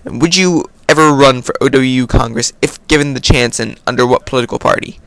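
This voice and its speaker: Reading viewer questions and answering them casually, the American host of this Q&A vlog has a mid-range, gravelly, somewhat bright voice. He talks a little fast, and the recording has no echo.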